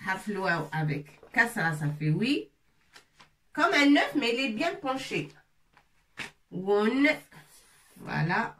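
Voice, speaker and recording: A woman teaching letters in French, slowly repeating each syllable for the learners. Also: mid-range voice, very animated, fairly bright tone, recorded from a distance. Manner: repeats sounds slowly and drills syllables one by one. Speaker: Arabic teacher. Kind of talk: slow, patient letter-by-letter pronunciation lesson. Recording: echoey room, voice a bit off-mic, faint noise.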